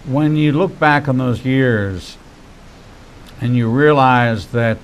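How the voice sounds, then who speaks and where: A man in his sixties hosting a faith-based interview, speaking in measured, preacherly phrases. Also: medium pitch, slight background noise, poor audio. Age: 60s.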